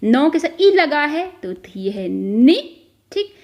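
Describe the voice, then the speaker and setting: A woman with a somewhat high voice teaches a school lesson. She explains each word patiently and step by step, checking in with her listeners as she goes. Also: big pitch swings, slow, a little mellow. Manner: explains step by step, repeats "ठीक है" often, mixes in English words.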